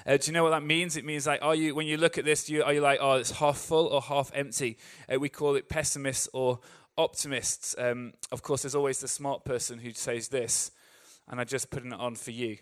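A man's voice: medium pitch, little pitch movement, fairly quick, hardly any pauses, fairly bright tone, clean tone. An English man preaching a sermon, talking to a crowd in a chatty way with joking asides and acting out voices as he goes. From England. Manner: acts out optimists' voices with rising energy.

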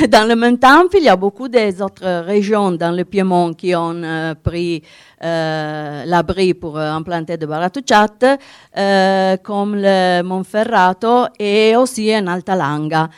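Here a woman with a clear Italian accent speaks non-native French in a conference presentation for a winegrowers' association. Hesitant and slow, she searches for words in a fairly low, smooth, slightly mellow voice, recorded close and dry with no echo.

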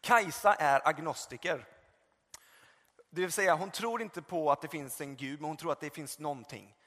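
Passionate preacher in an echoing hall. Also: male voice, a little high. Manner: passionate, swings from loud calls to soft reflection; conversational with fillers and retold dialogue. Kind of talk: sermon. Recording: long reverb of a hall.

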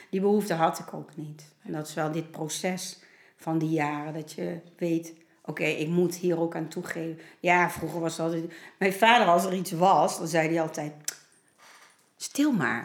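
A woman's voice: low-pitched, fairly even intonation, moderate pace. A middle-aged woman talking earnestly in a casual conversation, telling stories with animation. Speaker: guest. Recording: echoey room.

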